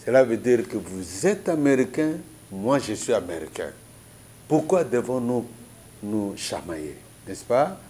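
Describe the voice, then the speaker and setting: A man's voice: mid-range voice, big pitch swings, a little slow, mellow, slight background noise. A man from Congo giving an earnest, preacher-like political commentary in an interview, making his points with parables and biblical examples.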